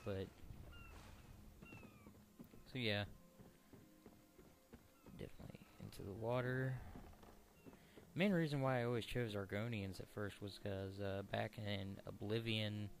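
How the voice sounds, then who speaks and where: Lowish guy doing a chill lets play, halting rambly talk, bit of noise and game sound. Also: creaky. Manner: halting, searching for words. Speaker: let's play commentator. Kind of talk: casual rambling game commentary.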